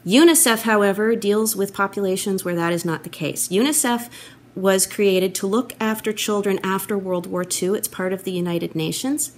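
A middle-aged woman telling a Bible story to children, animated and expressive. She speaks into a laptop webcam in a wood-panelled room at home, voice sitting at an ordinary pitch. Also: normal speed, a little hiss or hum. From Canada. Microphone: laptop webcam, close framing.

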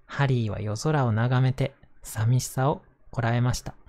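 A man gently narrating a picture book in a soothing manner, as if reading to a child at bedtime. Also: medium pitch, a little slow. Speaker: storyteller reading picture books aloud to listeners.

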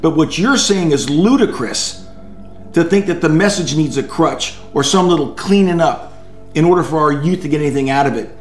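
An actor playing a stern, indignant pastor who speaks in a cutting, scornful way. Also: male voice, a little high, normal speed, natural voice. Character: stern indignant middle-aged male pastor. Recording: echoey room with music.

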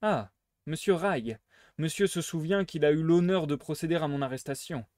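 A man voicing a suave, teasing gentleman thief while reading a novel aloud. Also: on the high side, normal speed, no echo, clean studio sound, voice pushed up, close to an everyday voice. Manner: playful, teasing, smugly theatrical.

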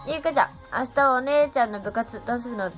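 A teenage girl of seventeen talks fast in a voice on the high side, casually chatting on her phone livestream. Bubbly, she reads comments and thanks viewers one after another. The recording is slightly dull, with faint music.

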